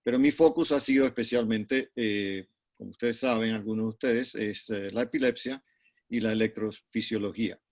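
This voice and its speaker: A middle-aged man from Panama, a neurologist, answering interview questions over a video call in a measured way, with frequent restarts and repeated words. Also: fairly low pitch, darkish tone. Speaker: neurologist and guest. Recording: dull lo-fi call audio.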